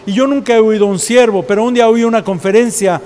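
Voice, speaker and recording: Mexican pastor, high male voice, storytelling sermon in a reverberant church hall. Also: fast talker, a little mellow. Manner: storytelling preacher, acts out quoted voices.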